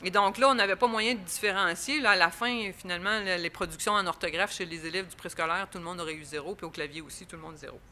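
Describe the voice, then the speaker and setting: Quebec French woman with a bright voice. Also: fairly low pitch, fast talker, few pauses, slight background noise. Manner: explanatory, many fillers and restarts. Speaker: education researcher presenting at a conference. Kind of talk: academic conference talk.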